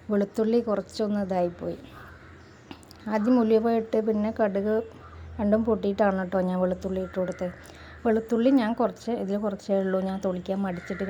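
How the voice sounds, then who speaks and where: A middle-aged woman chats through a home cooking voice-over, often dropping in friendly tag words. Her voice is mellow and stays fairly level in pitch, with a faint hiss of noise underneath. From Malappuram, Kerala. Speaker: cooking channel host.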